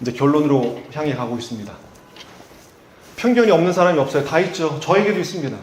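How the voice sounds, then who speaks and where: A man's voice: a little high, animated, quick pace, reverberant, a little hiss or hum. A male pastor from Chungcheong with a Chungcheong accent, preaching a sermon and asking the congregation rhetorical questions before rising to emphatic peaks. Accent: Chungcheong Korean. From Chungcheong, Korea.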